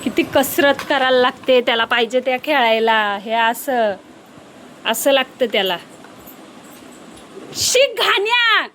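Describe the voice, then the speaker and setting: Chatty high-voiced woman vlogging at home. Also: steady tone, normal speed, a bit bright, slight background noise. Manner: chatty, teasing, bargain-proud. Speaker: vlogger, homemaker. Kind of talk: casual home vlog narration.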